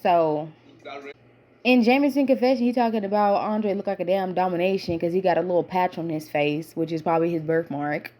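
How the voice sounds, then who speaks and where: A young woman giving a casual reality-show recap in a chatty, slangy, animated storytelling manner. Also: fairly low pitch, a little fast.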